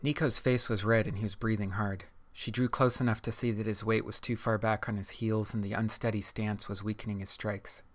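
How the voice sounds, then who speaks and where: A male audiobook narrator with a low voice. He reads in a measured, even way and keeps his pitch flat. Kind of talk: scripted narration.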